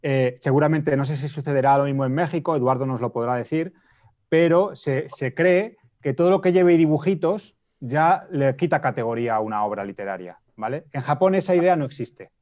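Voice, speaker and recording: A man from Spain with a Spanish accent, a panelist explaining his points in a casual discussion, often pausing to rephrase. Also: medium pitch, a little mellow. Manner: explanatory, restates points, frequent hesitations. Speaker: debate panelist. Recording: dull lo-fi audio.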